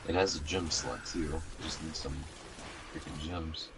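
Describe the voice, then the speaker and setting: A man's voice: a bass voice, fairly even intonation, unhurried, very noisy. A man co-hosting a let's-play, laid-back, reading out game items in casual chat.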